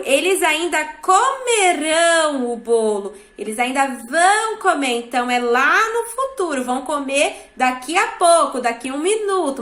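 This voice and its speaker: A woman's voice: high voice, pushed and bright, reverberant. A woman teacher with a Brazilian Portuguese accent explains an assignment to her class patiently, often checking that the students follow along. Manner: patient, checks understanding with frequent tag questions. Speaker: schoolteacher. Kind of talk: classroom instruction.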